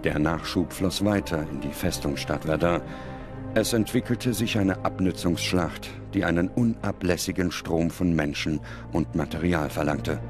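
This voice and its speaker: A deep-voiced man reads scripted documentary narration at a moderate pace, with music playing under his voice.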